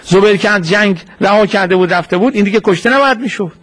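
A man with a high voice delivers a sermon as a retold story. He keeps asking rhetorical questions and answering them. He acts out the people he quotes. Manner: acts out quoted speech in a lively retelling. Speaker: preacher.

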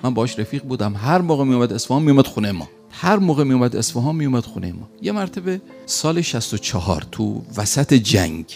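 A man telling a religious story as a preacher, animated and pausing for effect. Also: mid-range voice, creaky, soft background music.

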